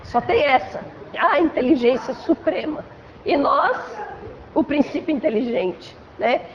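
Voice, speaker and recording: A woman with a Brazilian Portuguese accent speaks high and clear as she lectures to a spiritual gathering, keeping it conversational with little tag questions and acted-out examples. The recording is a bit dull and lo-fi, with a faint hiss underneath. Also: lively intonation, measured pace. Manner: conversational, frequent "né?" tags, acts out examples. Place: assembly hall of a spiritual center.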